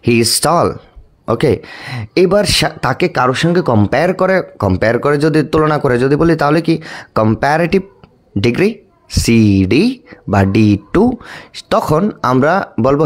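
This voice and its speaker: A male English teacher talks through a grammar lesson in a lively, swinging voice that rises and falls a lot. He poses questions to the class and answers them himself, dragging out example words syllable by syllable and spelling them out letter by letter. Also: fairly high pitch. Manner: stretches out words, spelling and repeating them slowly; frequent fillers and restarts, asking and answering his own questions. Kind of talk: explanatory lesson.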